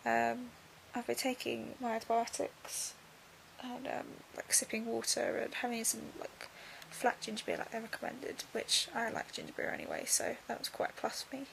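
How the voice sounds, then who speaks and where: Casting: young woman, very gravelly fry on a highish voice, drowsy post-surgery delivery, casual diary style. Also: little pitch movement, moderate pace, fairly bright tone, a little hiss or hum, rough recording. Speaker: vlogger.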